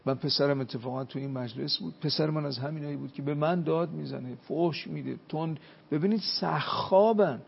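A cleric preaching with a gravelly, husky voice that sits a little high for a man. He tells stories and chants Arabic quotations slowly. The sound is dull and trails off in a long hall reverb. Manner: preaching with Arabic hadith quotes, storytelling. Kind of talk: religious talk on a TV show.

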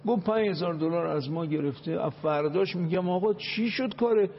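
A man's voice: high-pitched, creaky, dull audio, slight background noise. A man, a cleric on a talk show, preaching with Arabic quotations and dramatic, emphatic acted quotes.

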